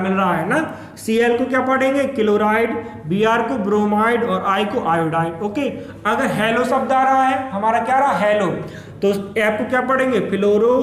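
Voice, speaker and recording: Male chemistry teacher, very high voice, call-and-response lecture style, echoey room. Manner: repeats each term and keeps asking "क्या पढ़ेंगे?".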